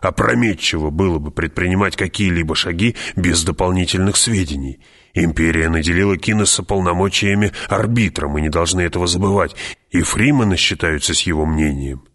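A man reading an audiobook, voicing a loyal advisor who speaks carefully and in measured warnings. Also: sits low, a bit bright. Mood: cautious.

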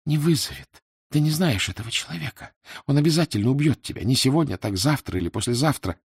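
A male reader voicing a young Japanese woman, a secretive lover who speaks in a hushed, pleading way. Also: mid-range voice, animated, quick pace, gravelly, husky, no room sound, clean studio sound, voice pushed up. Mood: nervous. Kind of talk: audiobook character voice.

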